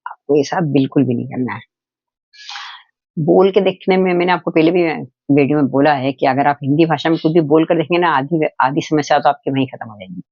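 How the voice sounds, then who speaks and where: Male teacher, patient and repetitive, with a gravelly, slightly high voice, recorded in a dry, muffled setup. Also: dry recording. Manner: patient, explains slowly with repetition and examples. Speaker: Hindi teacher. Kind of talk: step-by-step grammar lesson for children.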